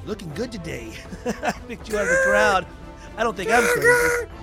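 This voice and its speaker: A man's voice: very high voice, huge pitch swings, normal speed, music in the background, pitched above the performer's own voice, full character voice. A man playing a cocky cool-guy fighter, wildly swooping. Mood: playful. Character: cocky, jokey cool-dude fighter, sword cursed into man.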